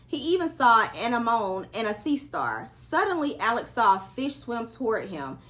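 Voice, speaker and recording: Higher-voiced woman reading a children's storybook. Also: normal speed. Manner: expressive, acts out characters' lines. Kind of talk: storybook read-aloud for children.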